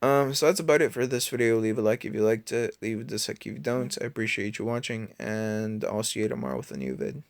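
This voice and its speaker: A man's voice: lowish voice, expressive, fast talker, creaky, few pauses, dry recording. A tired man giving rambling, informal game commentary late at night, in a slangy, offhand way. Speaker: mobile game video creator.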